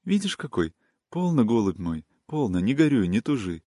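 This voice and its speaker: A man voicing a tender, melancholy young peasant woman in an audiobook reading, with a soft, soothing, singsong manner. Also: medium pitch, big pitch swings, moderate pace, dry recording, studio quality.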